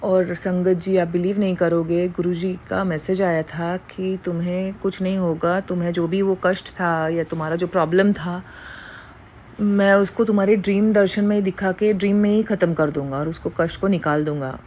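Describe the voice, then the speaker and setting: Middle-aged woman, devotional testimony, low voice, faint background hiss. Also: fairly even intonation, moderate pace, darkish tone. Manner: mixes Hindi with English phrases, earnest and grateful.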